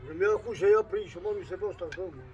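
A man in casual, animated conversation, keeps addressing others with a blunt "mă". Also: high voice, highs cut off, crowd noise. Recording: loud background noise.

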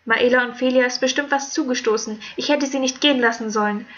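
A woman voicing an anxious, tearful young princess who talks haltingly. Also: high voice, a bit bright, highs cut off. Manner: anxious, faltering.

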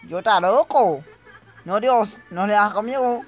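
A man's voice: high-pitched, measured pace. A man giving comedic gameplay commentary, talking straight to his viewers and breaking into panicked shrieks. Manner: chatty, addresses viewers directly. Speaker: gaming youtuber.

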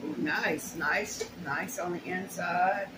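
Slow-paced and fairly low-pitched, a middle-aged woman rambles in a folksy, casual way through an unboxing, muttering asides. She is a haul vlogger in a small bare room at home, picked up by a nearby camera or phone, and the recording has roomy echo and clear background noise.

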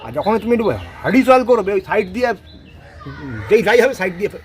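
A rose gardening expert explains potting roses outdoors, talking fast in a high voice with lively intonation. His tone is casual and explanatory, and he keeps asking "ঠিক আছে?" to make sure listeners are following.

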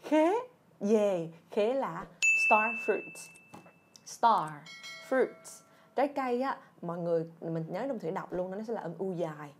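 A young woman teaching fruit names in a lively video lesson, drilling words by repetition and revealing each with a playful cry. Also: on the low side, brisk, few pauses, a little hiss or hum. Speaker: English teacher, channel founder.

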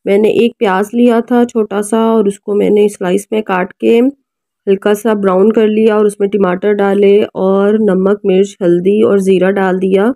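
A woman's voice: mid-range voice, mellow, no echo. A woman with a Pakistani Urdu accent, a mother narrating a casual cooking and family vlog at home, chatty and often asking viewers for their help. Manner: chatty, keeps addressing viewers with requests. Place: home kitchen and family room.

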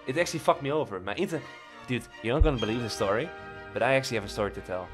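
Live-streaming from a small dark room indoors, a Dutch-accented man in his twenties from the Netherlands rambles casually into a boom-arm studio mic, swearing and using many fillers. His voice is medium-pitched and rapid-fire, with music playing in the background.

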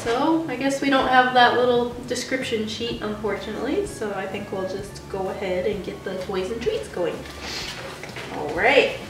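Sitting on a couch in a small bedroom, a vlogger with a stuffy head cold unboxes dog gifts and talks to her dogs in casual chat. Her fairly high-pitched voice comes through a camera mic placed at a distance, so the recording is roomy and off-mic, with music playing behind.

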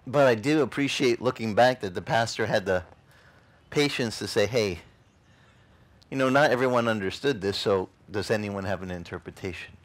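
Preaching on a beach, this middle-aged Italian-speaking pastor brings a story to life by animatedly voicing the lines of its characters. His voice sits on the low side, at a moderate pace.

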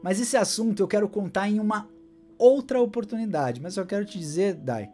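A man, giving a heartfelt, animated year-end thank-you to camera from a home studio. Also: high-pitched, brisk, music in the background. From Brazil. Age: 40s. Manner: warm, gesturing animatedly, emotional. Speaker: tech YouTuber. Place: home studio with gaming chair and collectibles.

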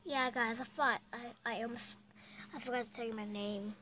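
A female speaker doing a whispered role-play with toy characters, swearing a lot and switching between whispers and loud outbursts. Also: on the high side, steady tone, fairly quick, very noisy.

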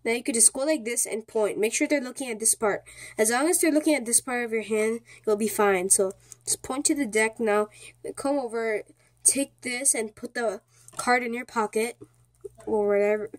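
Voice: mid-range voice, fairly even intonation, moderate pace. A speaker giving a casual, step-by-step card trick tutorial in an informal, repetitive way, often checking in with the listener. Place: indoors at a small table.

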